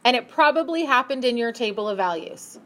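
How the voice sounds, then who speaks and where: A woman teaching a math class, brisk and upbeat, asking her students questions as she works through problems. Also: on the high side, lively intonation, sharp tone. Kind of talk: classroom lesson.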